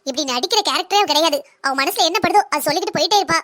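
Woman voicing a sharp-tongued young daughter-in-law. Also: extremely high pitch. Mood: defiant. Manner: fast, blunt and lecturing. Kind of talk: cartoon drama voice acting.

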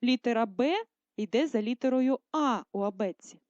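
A woman teacher giving a video lesson to first graders, speaking slowly and carefully and drawing out words to stress them. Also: a little high, animated, darkish tone, no room sound. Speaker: primary school teacher. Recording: dull lo-fi sound.

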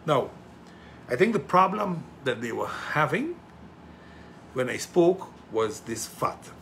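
A middle-aged man gives impassioned political commentary, emphatic, with rhetorical questions that build to loud indignation. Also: mid-range voice, sing-song, slow pace, vocal fry, a little hiss or hum. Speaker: political commentator hosting a show.

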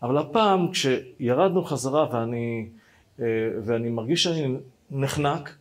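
A rabbi telling a personal story to listeners, animated and speaking to them directly. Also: male voice, mid-range voice. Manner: animated, acts out dialogue, addresses listeners directly.

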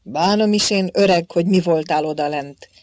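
A woman's voice: fairly low pitch, expressive, no room sound. A woman voicing a surly, rule-bound male gatekeeper monk who snaps and scolds. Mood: scolding. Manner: snappish, scolding.

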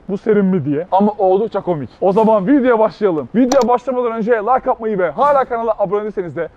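Fast, high-voiced cheeky young man. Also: lo-fi sound. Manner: cheeky, teasing, playfully evasive. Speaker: prank video host. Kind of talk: street prank, casual chat.

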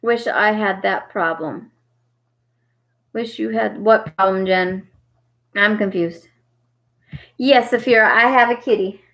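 A woman's voice: medium pitch, slow pace, pauses often, a bit bright. A woman hosting a casual crafting livestream, chatting with viewers and reading their comments aloud with frequent laughs.

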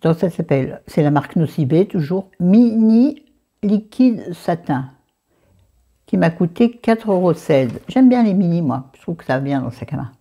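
A woman's voice: lowish voice, animated, moderate pace, dark tone, breathy edge. A French-accented woman chatting through a makeup haul, dropping into whispered asides and scolding herself by name. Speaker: beauty vlogger.

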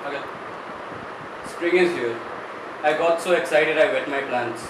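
A man's voice: a little high, measured pace. A young man with an Indian accent bantering and delivering jokes casually. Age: young adult. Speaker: contestant in a dad-joke challenge. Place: small indoor room, across a table. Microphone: distant camera mic. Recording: roomy, distant, loud background noise.

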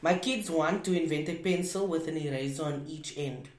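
A man's voice: on the high side, moderate pace. Young man telling dad jokes, echoey. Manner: setup and punchline joke telling. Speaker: dad joke contestant. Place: outdoors on a couch by a brick house wall. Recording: echoey, faint background noise.

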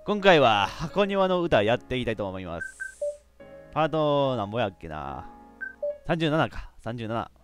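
Lively man streaming a game. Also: medium pitch, moderate pace, over music. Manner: animated, bursts of laughter and shouting. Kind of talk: live let's play commentary.

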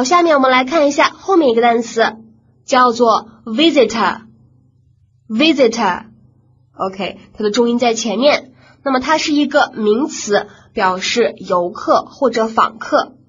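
A woman's voice: fairly high pitch, slightly rough. Patient woman teaching vocabulary. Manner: patient, explains slowly, repeats words for drill. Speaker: English teacher. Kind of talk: recorded vocabulary lesson. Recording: slightly dull lo-fi recording.

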